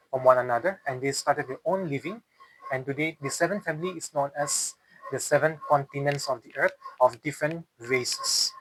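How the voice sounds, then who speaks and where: A man with a slightly high voice and a Northeast Indian accent tells a folk tale in an interview, unscripted. He explains while he talks, often going back to repeat and rephrase. The recording is dry and rough.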